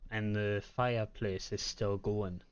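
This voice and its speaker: Brief: male game master, slow and measured, smooth voice on a slightly muffled mic. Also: fairly low pitch, fairly even intonation. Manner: halting, measured descriptions. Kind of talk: narrating a tabletop game.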